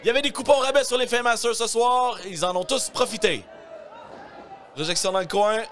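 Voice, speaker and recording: A man with a Quebec French accent calling live wrestling play-by-play as an excited commentator who often shouts and exclaims. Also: extremely high pitch, brisk. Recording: live event with crowd noise.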